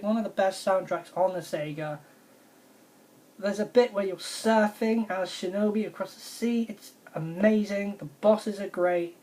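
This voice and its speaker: A woman, casually reviewing her favourite retro video games in an enthusiastic, rambling way and repeating her praise. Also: mid-range voice. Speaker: video game vlogger.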